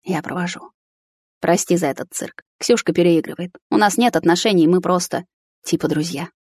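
A woman's voice: normal speed, darkish tone, no room sound, close to an everyday voice. A woman voicing a placating young man caught between two girls in an audiobook. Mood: soothing. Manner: low-key, placating. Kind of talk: audiobook character voice.

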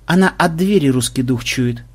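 A man's voice: mid-range voice, moderate pace, close to an everyday voice. A man voicing a tired young female thief with dry, skeptical remarks.

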